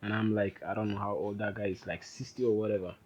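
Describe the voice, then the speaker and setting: A man's voice: on the low side, fairly even intonation, quick pace, lo-fi sound, a little hiss or hum. A man giving an informal, rambling coding tutorial, often correcting himself as he types. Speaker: programming instructor. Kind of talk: casual screen-recorded coding tutorial.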